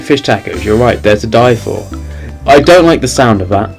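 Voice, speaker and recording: A man's voice: fairly low pitch, expressive, moderate pace, creaky, soft background music. A man reading a game's text aloud and joking about it in wry asides. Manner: wry, laughs at the dark twists. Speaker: game streamer.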